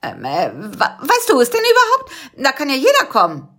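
A woman's voice: high voice, huge pitch swings, fairly bright tone, pitched above the performer's own voice, exaggerated voice. A woman voicing an eager, bossy young male inventor in a storybook reading. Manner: eager, hurried.

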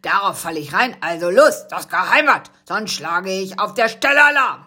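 A woman voicing a gruff, threatening male wasp guard in a storybook reading. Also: medium pitch, lively intonation, normal speed, bright, forceful tone. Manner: growling, threatening.

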